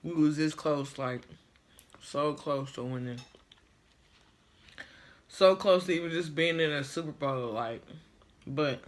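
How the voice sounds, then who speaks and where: A man's voice: fairly high pitch, takes it slowly, pauses often. A man chatting casually to viewers in a slangy, laid-back way while eating, chewing as he talks. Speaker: mukbang vlogger.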